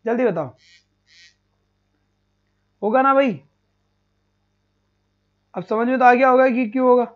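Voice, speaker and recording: A man with a very high-pitched voice delivers a live online exam-prep lesson at a slightly slow pace. He asks rhetorical questions, repeats every answer and calls the students "beta." His stream audio comes through slightly dull and lo-fi.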